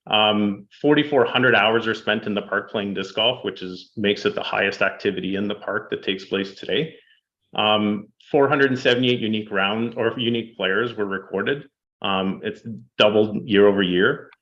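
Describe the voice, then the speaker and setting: A man presenting statistics to a city council, steady and fact-heavy, with frequent ums. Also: lowish voice, moderate pace, muffled recording. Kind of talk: public presentation. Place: council chamber.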